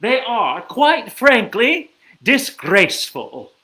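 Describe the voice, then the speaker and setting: A haughty storybook king who looks down on everything he judges, put on by a man. His voice sits a little higher and louder, with stiff, clipped pronouncements. The room adds a clear echo. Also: very animated, slow pace, full character voice. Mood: disdainful.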